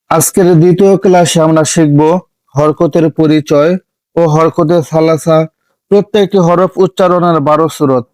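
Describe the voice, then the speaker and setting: A man from Bangladesh teaching Quran reading in an online lesson, drilling letter sounds one by one in a steady, repetitive, clear way. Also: sits high, dry recording, poor audio.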